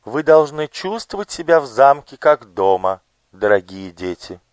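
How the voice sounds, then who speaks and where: A man's voice: on the high side, lively intonation, normal speed, dry recording, voice pushed up, natural voice. Storybook noble lady, sweet and coaxing with a cruel streak, man reads her in a raised voice. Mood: coaxing, gracious. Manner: singsong, coaxing.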